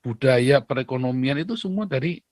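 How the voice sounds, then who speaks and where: A man's voice: medium pitch, expressive, brisk, a little mellow, no room sound, clean studio sound. A man giving opinionated monologue commentary, driving his points home by repeating them and tagging them with rhetorical questions. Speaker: political commentator.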